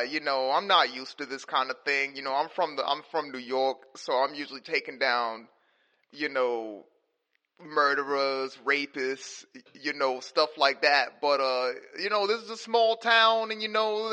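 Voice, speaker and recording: A man's voice: fairly high pitch, fairly even intonation, normal speed, pushed and bright. A man voicing a middle-aged small-town police chief from New York who rambles, packing his talk with "you know". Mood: rambling.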